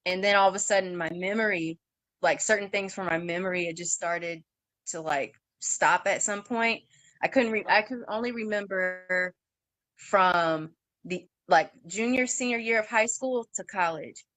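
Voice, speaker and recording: A young woman in her twenties telling her story in an interview, halting, with fillers and restarts, and acting out what others said in a raised voice. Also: medium pitch, a bit bright, no room sound. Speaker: guest sharing her story.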